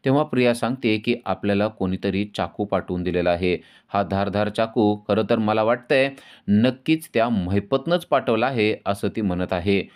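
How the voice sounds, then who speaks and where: A man narrating a recap of a TV serial episode in a steady storytelling manner. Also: on the low side, normal speed, clear, resonant tone.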